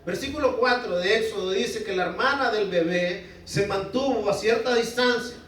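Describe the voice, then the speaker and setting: A man's voice: high-pitched, moderate pace, fairly bright tone, heavy reverb, recorded from a distance, low-quality recording. A male pastor preaching a sermon in a conversational way, often asking the congregation to respond. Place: church hall.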